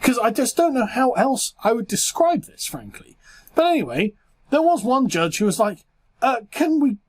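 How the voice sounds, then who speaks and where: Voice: medium pitch, sing-song, moderate pace, a little mellow. A British political commentator ranting in a sarcastic, mocking way, often breaking into laughter.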